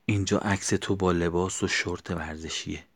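A man reading the quiet lines of a calm, devout young man who gently advises his friend. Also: deep voice.

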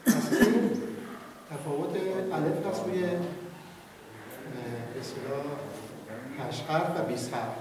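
A man teaching Quran recitation in class, stretching out sounds slowly and having students repeat. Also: fairly high pitch, lively intonation. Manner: demonstrates sounds by drawing them out slowly. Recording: echoey room from far off, faint noise.

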